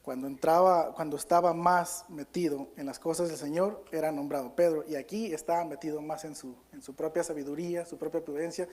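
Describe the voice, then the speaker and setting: Earnest pastor with a high voice. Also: male voice, a little mellow. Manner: earnest, halting delivery with self-corrections; reads scripture aloud with stress on key words. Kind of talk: Spanish-language sermon with Bible reading.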